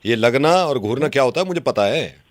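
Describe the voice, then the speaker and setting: A man with a medium-pitched, animated voice speaks fairly quickly in a dry recording. Playing a radio host making prank phone calls, he badgers the other party and keeps repeating himself as though offended.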